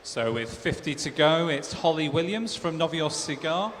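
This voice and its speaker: A high-voiced man announces races in a formal, orderly style. His voice carries with long reverb through a large hall, with background noise clearly audible. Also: expressive, moderate pace. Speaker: swim meet announcer and commentator. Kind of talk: formal race announcing, listing lanes, names and results. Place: large indoor swimming pool hall.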